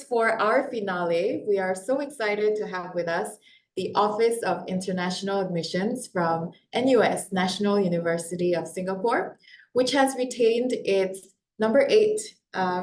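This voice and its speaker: Speaking at a medium pitch with a somewhat mellow quality, this founder, a woman in her forties born in Korea, runs a live webinar in a warm, cheerful way. She often says "um" and "uh," and there's a little background noise in an echoey room.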